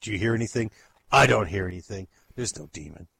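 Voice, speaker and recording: A man's voice: on the low side, animated, fast talker, creaky, a bit bright, breathy edge. Exasperated radio host man. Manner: exasperated, bossy. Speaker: radio talk show host. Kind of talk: comedy radio sketch.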